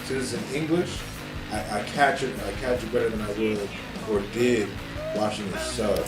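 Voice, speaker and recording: A man co-hosting a casual chat, halting and hesitant as he talks. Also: lowish voice, steady tone. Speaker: podcast co-host. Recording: roomy, distant mic, loud music.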